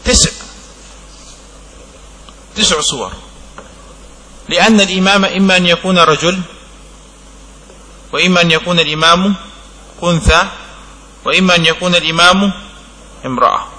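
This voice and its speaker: A man teaching a religious law text in a classroom lesson, speaking in slow, broken-up phrases and checking understanding with short questions. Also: sits high, sharp tone, big-room sound, low-quality recording. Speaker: sheikh teaching a fiqh text.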